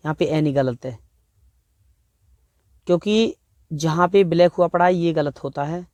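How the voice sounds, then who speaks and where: A male grammar teacher with an Indian accent speaks in a slightly raised voice. He works through exam sentences at an unhurried pace and reads each example word by word. The sound is dry and close, with no room echo. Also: fairly high pitch, darkish tone. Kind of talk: exam-prep grammar lesson.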